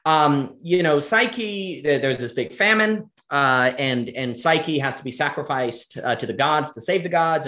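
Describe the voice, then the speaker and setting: A man's voice: mid-range voice, a bit bright. A man, a guest in a casual philosophical conversation, thinking aloud with lots of fillers and restarts. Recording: roomy, echoey room sound.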